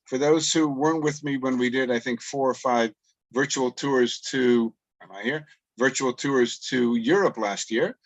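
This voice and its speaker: A man's voice: medium pitch, a little slow, rough recording. A middle-aged man from Canada, a tour guide and educator, giving a chatty lecture over a video call and asking rhetorical questions. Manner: chatty, self-deprecating, asks rhetorical questions.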